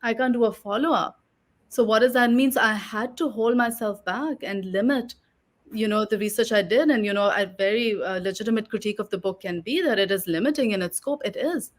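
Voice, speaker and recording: Reflective woman author, a little hoarse. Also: mid-range voice. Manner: measured, reflective, many fillers. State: losing her voice. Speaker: author and oral historian, interview guest. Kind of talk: thoughtful interview answers.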